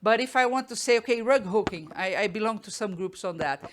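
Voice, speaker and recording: A woman's voice: medium pitch, expressive, fairly quick, slight background noise. A woman hosting a live online art business course, talking through ideas with frequent restarts and fillers, recorded at home on a desk mic.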